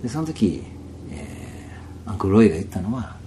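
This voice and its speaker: A man with a Kansai accent telling a personal story in a casual interview, animated and laughing often, sometimes dropping to soft asides. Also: fairly low pitch, normal speed, background noise. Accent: Kansai Japanese.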